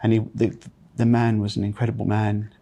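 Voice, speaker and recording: A man in his fifties from London with a London accent, telling his life story as an interview guest in a reflective way, with pauses and fillers. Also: on the low side, completely flat delivery, mellow. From England. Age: 50s. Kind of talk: conversational interview.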